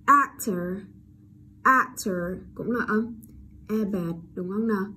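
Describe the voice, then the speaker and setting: A woman teaching pronunciation at a very slow, deliberate pace. She stretches and repeats each practice word louder than her explaining voice, with a faint hiss of noise underneath. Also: mid-range voice. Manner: repeats English words slowly and loudly, then explains. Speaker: English teacher. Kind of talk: pronunciation lesson.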